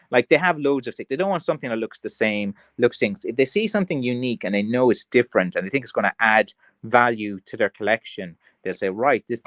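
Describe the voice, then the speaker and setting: A man's voice: on the low side, fairly bright tone, no room sound, clean studio sound. A man with a mild west of Ireland Kerry accent, chatting casually on a livestream in a rambling, tongue-in-cheek way as he answers comments. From County Kerry, Ireland. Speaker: craftsman streamer selling blackthorn sticks.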